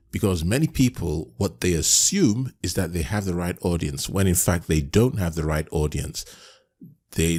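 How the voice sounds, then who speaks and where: A man's voice: sits low, a little mellow, slightly rough. A man coaching business owners in a recorded course lesson, earnest and emphatic, repeating his points with frequent restarts.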